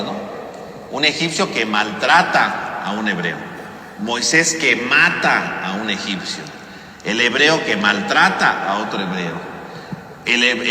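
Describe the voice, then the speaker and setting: A man's voice: medium pitch, pushed and bright, a little hiss or hum. A man with a Mexican Spanish accent, a priest giving a conversational Bible study lecture, tagging questions onto nearly every phrase. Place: parish church hall. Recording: echoey hall with faint ambience.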